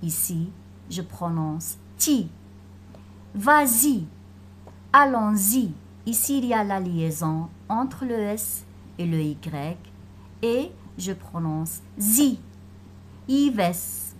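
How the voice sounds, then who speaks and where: A woman teacher giving a phonics lesson to children, pronouncing each word slowly and carefully and repeating it for the class. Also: fairly low pitch, a little mellow, a little hiss or hum. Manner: slow, carefully articulated, repeating words for pupils.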